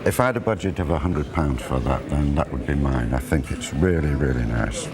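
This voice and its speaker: A man in his sixties talking informally to camera about antiques, chatty and unhurried, on a lapel mic in an auction room. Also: very deep voice. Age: 60s. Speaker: antiques buyer and presenter. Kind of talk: informal explanatory talk to camera. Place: large indoor auction room. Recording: busy crowd murmur behind.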